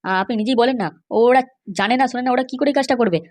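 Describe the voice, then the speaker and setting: A woman's voice: fairly high pitch, rapid-fire, a little mellow. A woman voicing a scheming, glib male fixer in a cartoon, boastful and reassuring. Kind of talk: cartoon voice acting.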